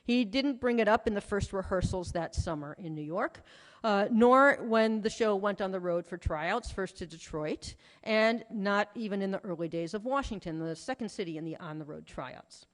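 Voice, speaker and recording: A woman, an author presenting her research, gives a prepared lecture in a large conference hall, speaking articulately with a storytelling style and emphatic phrasing. Her voice is medium-pitched at a moderate pace, and the hall is reverberant with music playing behind her.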